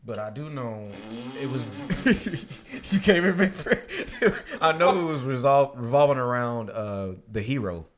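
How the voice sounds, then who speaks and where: Brief: young male podcast co-host, easygoing, medium-pitched voice, slangy, laughs a lot. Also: animated, unhurried. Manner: laid-back, laughs often, slangy, acts out characters' lines. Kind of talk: casual anime review chat.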